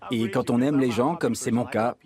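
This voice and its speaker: A man's voice: medium pitch, moderate pace, crowd noise. A man in his forties giving an earnest, heartfelt personal testimony.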